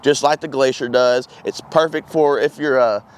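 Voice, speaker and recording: A man in his thirties speaks to camera as a company presenter outdoors. His voice sits at a middle pitch, and he explains things in a plain, folksy way, like an informal product walkthrough. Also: moderate pace. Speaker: company presenter for greenhouse kits. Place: outdoors at a greenhouse demo yard.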